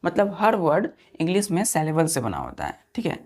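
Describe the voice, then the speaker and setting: A man's voice: a little high, wildly swooping pitch, brisk, darkish tone. A man teaching English pronunciation as a classroom lesson, repeating words and checking often that the students follow. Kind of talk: classroom lesson in spoken Hindi.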